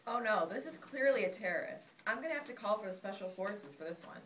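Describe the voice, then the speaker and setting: A young woman student playing a lazy army general who avoids fighting, talking in a quick offhand way. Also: mid-range voice, lively intonation, fairly bright tone, lightly acted. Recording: roomy classroom, distant mic, faint noise.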